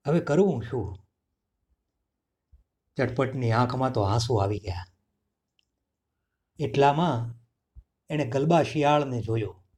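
A man narrating a children's story in a lively, expressive way. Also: mid-range voice, takes it slowly, pauses often.

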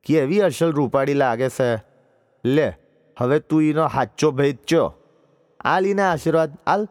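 A man's voice: fairly high pitch, measured pace, no echo, studio quality, voice pushed up, lightly acted. A man doing a toothless old village aunt. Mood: gloating. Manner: rustic dialect, cackling.

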